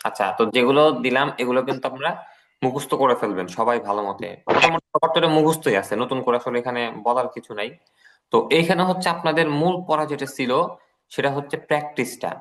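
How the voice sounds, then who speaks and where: A man's voice: mid-range voice, quick pace, a bit bright. A man with a Bangladeshi Bengali accent teaching an English class, patiently repeating each word and translating it. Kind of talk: online class lecture.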